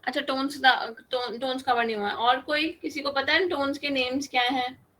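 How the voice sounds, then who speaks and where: A woman's voice: sits high, fairly even intonation, moderate pace, pushed and bright, slight background noise. A woman teaching an online Chinese class, patiently drawing out each sound as she demonstrates it. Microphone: video call.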